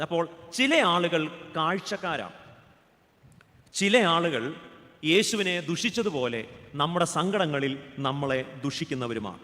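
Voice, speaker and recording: A man's voice: on the high side, bright, forceful tone, long reverb tail. A man, a pastor with a Keralan accent, giving a humorous sermon, joking and asking the audience questions. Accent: Keralan Malayalam.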